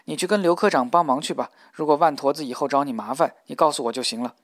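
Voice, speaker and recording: A man voicing a tough, blunt young male worker in an audiobook, speaking low and confidently. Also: fast, natural voice.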